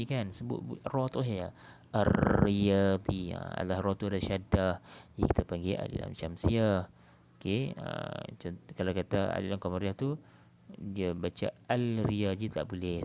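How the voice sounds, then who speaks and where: Malaysian man, teacher, gravelly low voice, patient explanations, noisy recording. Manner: explains patiently, draws out example words slowly. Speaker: Arabic teacher. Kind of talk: online class lesson.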